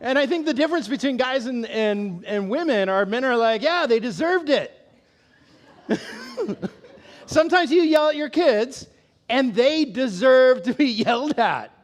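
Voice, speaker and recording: Pastor, male, high voice, casual sermon, candid, self-deprecating, laughs easily, asks the room questions. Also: expressive, normal speed. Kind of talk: conversational sermon.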